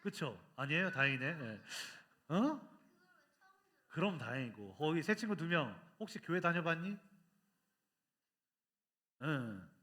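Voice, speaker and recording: Animated man preaching to children. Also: on the high side, measured pace, long pauses. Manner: animated, quizzes the children with questions. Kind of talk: lively storytelling sermon to children.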